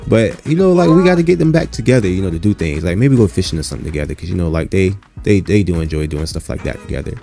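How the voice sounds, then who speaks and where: Low, mellow-voiced man rambling over gameplay. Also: vocal fry. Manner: rambling, many fillers and "you know"; talks to the viewers as "you guys". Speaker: gaming channel host. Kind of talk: casual gameplay commentary.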